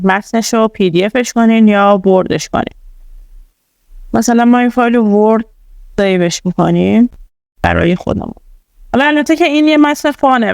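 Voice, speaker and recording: A woman's voice: mid-range voice, vocal fry, clean tone, no room sound. A woman presenting a casual tutorial. She explains things step by step, with many fillers. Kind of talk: casual screen-recorded tutorial.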